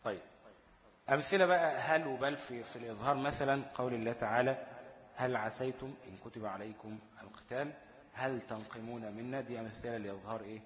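A man's voice: mid-range voice, a bit bright. Egyptian guy teaching tajweed, keeps asking the class then answering himself, big echoey room. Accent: Egyptian Arabic. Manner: quizzes students and answers his own questions; slows to chant quoted verses and poem. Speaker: Quran recitation teacher. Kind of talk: tajweed lesson. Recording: echoey room with long reverb.

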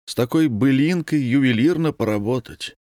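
A man's voice: mid-range voice, moderate pace, warm tone, no room sound, studio quality, pitched above the performer's own voice, natural voice. A man reading a story, voicing a good-humored male navigator who jokes and reassures. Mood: jovial. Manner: jovial, reassuring.

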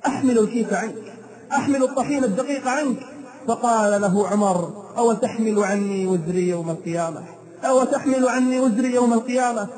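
High-voiced man preaching a dramatic sermon. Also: rough recording. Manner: dramatic storytelling with emotional emphasis.

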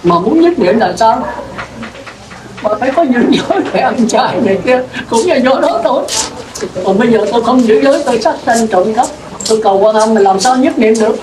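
A man's voice: very high voice, lively intonation, brisk. A Buddhist monk giving a sermon in a plain-spoken way, putting questions to his listeners. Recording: roomy, distant mic with clear noise.

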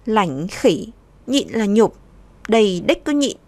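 A woman voicing a stubborn, sharp-tongued pregnant young woman who answers with brash, scornful retorts. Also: medium pitch, big pitch swings, takes it slowly, no echo.

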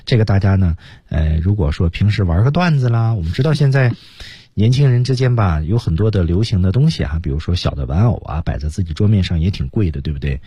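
Male radio lesson host, husky and low, chatty with fillers, dry studio mic. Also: animated, fast talker, warm tone, dry recording. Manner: chatty, lots of filler particles. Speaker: radio English teaching host. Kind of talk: casual radio lesson chat.

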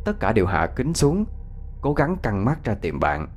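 A man narrating a ghost story in an expressive, dramatic way. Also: fairly low pitch, normal speed. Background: faint music.

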